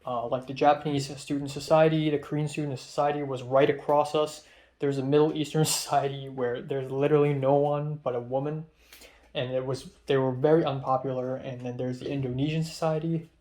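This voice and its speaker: Chatty and rambling, a young adult college student vlogger from Hong Kong, whose first language is Cantonese, tells a casual story about college with frequent fillers and asides that trail off. He speaks briskly in a mid-range, darkish voice with a level tone.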